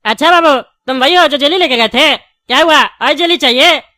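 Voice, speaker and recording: Woman playing male cartoon shopkeeper, blunt and bantering, high bright voice, dry recording. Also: normal speed, no echo. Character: brash male sweet-shop owner, quick to argue.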